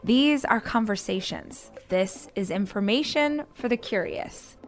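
A woman's voice: mid-range voice, lively intonation, unhurried. A woman podcast host delivering a scripted show introduction in a direct, conversational way. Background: faint music.

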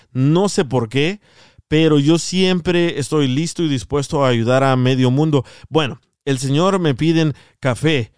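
A man tells stories on a podcast, keen and animated, stacking repeated words for emphasis. His voice is slightly high and resonant. The studio mic sounds close and dry. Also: smooth, no echo. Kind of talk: casual storytelling chat.

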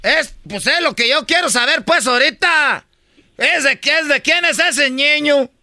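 A man's voice: very high-pitched, measured pace, pushed and bright, no echo, studio quality. A man hosting a radio comedy show, joking and teasing his co-hosts. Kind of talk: casual radio banter.

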